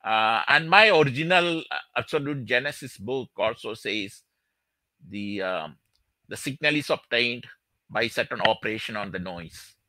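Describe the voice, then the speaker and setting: A man gives a halting live-streamed physics talk, stopping and restarting his sentences between fillers. His voice is very bright and sits dry and close, but a faulty mic crackles and cuts in and out under him. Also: medium pitch, expressive, no echo. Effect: crackling mic cutting in and out. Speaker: presenter of his physics theory. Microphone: faulty microphone on a video call. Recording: dry sound, mic dropping out.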